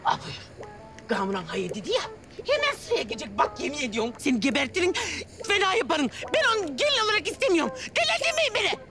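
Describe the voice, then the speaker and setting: An actress playing a hot-tempered village mother who shouts and threatens in a TV comedy. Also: mid-range voice, huge pitch swings, fairly quick, gravelly, pauses often, music in the background. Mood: angry. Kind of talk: TV comedy acting. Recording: voice from far off.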